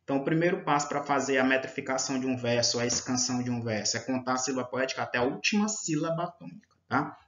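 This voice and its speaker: A man's voice: medium pitch, fast talker, few pauses, fairly bright tone. A male teacher, giving a patient slide lecture and checking in with his students often. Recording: echoey room, dull lo-fi sound.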